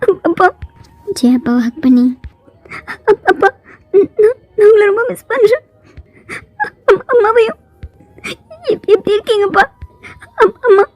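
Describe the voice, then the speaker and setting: A woman's voice: very high-pitched, sing-song, unhurried, long pauses, darkish tone, no echo, pitched above the performer's own voice, exaggerated voice. A woman voicing a tearful young daughter who stammers and cries as she pleads, in a fan fiction voiceover. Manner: stammering through sobs. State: crying.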